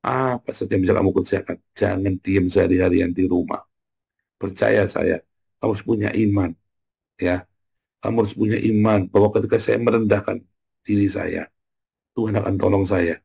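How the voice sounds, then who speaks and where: Man, pastor, casual sermon, husky gravelly voice, blunt and teasing, loud jabs then quiet asides. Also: on the low side, fairly even intonation, fairly quick. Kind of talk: informal sermon.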